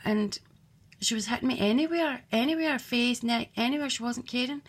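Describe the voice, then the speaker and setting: A woman's voice: fairly high pitch, moderate pace, breathy edge. A woman telling her own life story in a blunt, candid way, swearing freely and acting out what others said. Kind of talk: personal storytelling.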